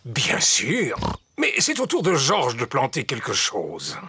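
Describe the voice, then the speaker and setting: A man voicing a gentle, kindly old grandfather pig with a husky voice in a children's cartoon. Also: mid-range voice, wildly swooping pitch, takes it slowly, full character voice. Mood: kindly, reassuring. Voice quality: husky, rough. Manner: kindly, reassuring. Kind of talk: preschool cartoon voice acting.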